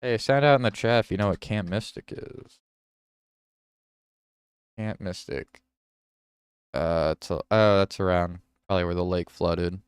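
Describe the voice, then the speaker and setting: A man's voice: low voice, unhurried, pauses often, clear, resonant tone, no echo, clean studio sound. A man hosting a livestream, reading news headlines aloud and reacting to them, with self-corrections. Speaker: livestream host.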